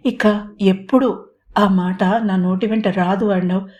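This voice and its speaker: A proud, fiery young woman from a romantic audio storybook, sharp and scolding in her speech, as a woman narrator plays her. The tone is warm and mellow. She snaps quickly. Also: mid-range voice, steady tone, close to an everyday voice. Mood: tender.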